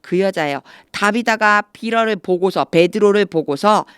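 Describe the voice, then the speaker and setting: A woman teaching English through Bible reading, who explains step by step, asks the viewer questions and reads English phrases slowly before explaining them. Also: mid-range voice, clear, resonant tone, dry recording, clean studio sound. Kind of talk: explanatory lesson.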